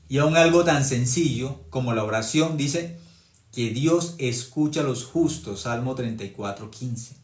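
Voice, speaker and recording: A male preacher delivers a sermon with emphatic, repeated phrases and long recited scripture passages. His voice sits at an ordinary middle pitch. The room around him rings with a noticeable echo.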